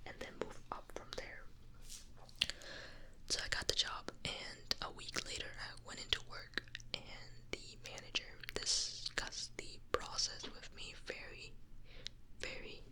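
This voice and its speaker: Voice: measured pace, rough recording. A person whispering a casual, unscripted ASMR ramble very close into the listener's ear on a binaural microphone. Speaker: ASMR video creator. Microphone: binaural microphone with silicone ears, very close.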